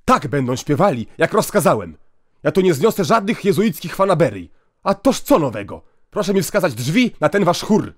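A man voicing an angry, blustering male Russian school inspector in an audiobook, speaking loudly and commandingly. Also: medium pitch, lively intonation, unhurried, few pauses, dry recording, studio quality, lightly acted. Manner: loud, commanding, indignant.

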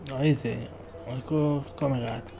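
Young man streaming, gravelly creaky voice. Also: mid-range voice, steady tone, normal speed, music in the background. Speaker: game streamer. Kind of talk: casual game stream commentary. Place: indoor room at home. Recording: noisy stream with game sound.

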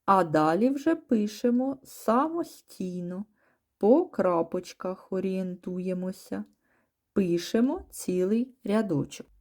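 A woman teaching a first-grade class, patiently sounding out letters one by one and using gentle diminutive words for small children. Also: medium pitch, animated, slow pace. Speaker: primary school teacher. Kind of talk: first-grade reading and writing lesson.

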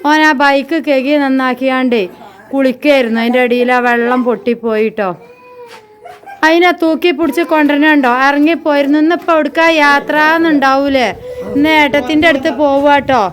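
A high-pitched woman talks her viewers through a casual home vlog. Her voice stays bright and chatty as she speaks to them directly from her family home. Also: fairly even intonation, a little fast. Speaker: family vlogger.

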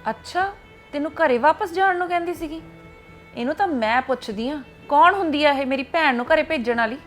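Woman as cranky old mother-in-law, high sharp voice, always scolding. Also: a little fast, soft background music. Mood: indignant. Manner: scolding and indignant. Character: ailing, quarrelsome mother-in-law defending her sister. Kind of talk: Punjabi family web drama.

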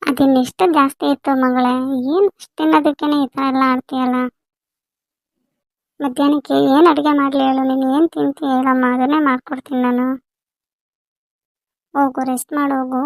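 A woman's voice: high-pitched, flat delivery, fairly quick, dry recording. A woman playing a doting village mother who fusses over her daughter in a family skit. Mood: fussing. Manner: fussy, insistent.

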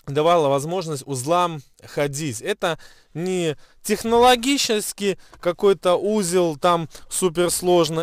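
A man in his thirties with a slightly high voice and a soft, non-rolled r. He explains practical steps as a car vlogger, with pauses to find words. The sound is dry, recorded in a car cabin. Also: smooth, no room sound. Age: 30s. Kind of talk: explanatory how-to vlog talk. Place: inside a parked car at night. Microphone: camera at arm's length.

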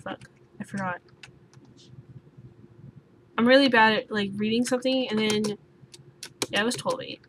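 A young woman playing a puzzle game and thinking out loud, swearing often and sounding sleepy. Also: medium pitch, fairly even intonation, unhurried, pauses often. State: sleepy, just woke up. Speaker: gaming YouTuber. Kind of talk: let's play commentary. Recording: noisy home recording with keyboard sounds.

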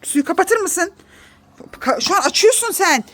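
A woman's voice: high-pitched, very animated, moderate pace, a bit bright. A woman filming a family vlog outdoors in a garden, coaxing and scolding her children and laughing often.

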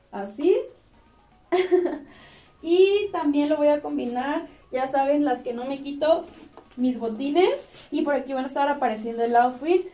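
Young Mexican woman fashion vlogger, high mellow voice, chatty and upbeat, mic a touch distant. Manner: cheerful, chatty, laughs often. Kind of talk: casual chat to camera. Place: small indoor room with clothes rack.

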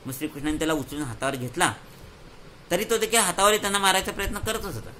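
A man narrates a moral tale for children in a lively, explaining manner, repeating words for effect. His voice is bright and a little high, with faint background noise. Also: quick pace, low-quality recording. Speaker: storyteller for children.

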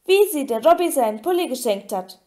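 A woman voicing a small, eager male house-elf who squeaks and talks about himself in the third person. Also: lively intonation, a little fast, warm tone. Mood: insistent.

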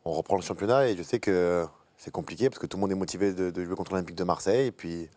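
A man's voice: deep voice, very fast, dark tone, no echo. A man in his forties, a pundit in a TV studio, giving blunt, critical match analysis.

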